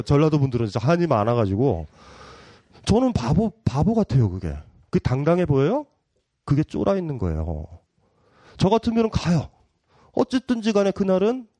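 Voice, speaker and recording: A man's voice: high-pitched, dark tone, no echo. A middle-aged man giving a public philosophy lecture, playful and provocative, often laughing and teasing his audience.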